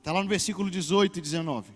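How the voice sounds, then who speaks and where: A man preaching as a pastor at a church service, swelling loudly for emphasis and drawing out words. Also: sits high, rapid-fire, big-room sound, faint music behind. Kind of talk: sermon.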